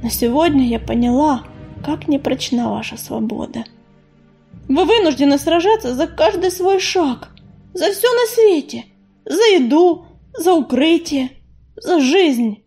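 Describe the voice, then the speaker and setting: Gentle house-cat she-cat, read by a woman, high and mellow, soft and apologetic, audiobook. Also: lively intonation, unhurried, faint music behind. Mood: earnest.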